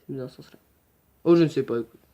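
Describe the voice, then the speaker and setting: A man's voice: medium pitch, fast, mellow, dull audio. A young man talking casually through an unboxing, chatty and self-correcting, muttering to himself as he handles things. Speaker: unboxing vlogger.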